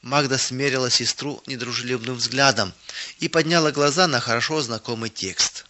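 A man calmly narrating a children's story in a steady, even reading voice. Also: medium pitch, normal speed. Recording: dull lo-fi recording.

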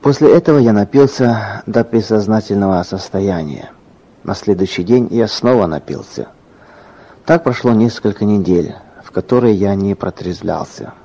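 A man narrating a scripted story in an earnest, dramatic way, sometimes dropping to a hush. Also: fairly low pitch, animated, normal speed. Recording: dull lo-fi recording.

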